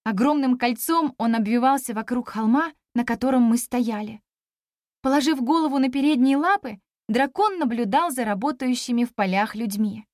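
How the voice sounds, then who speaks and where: A woman narrating a children's story in an even, expressive reading voice. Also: fairly high pitch, moderate pace, no echo, studio quality. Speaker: audiobook narrator.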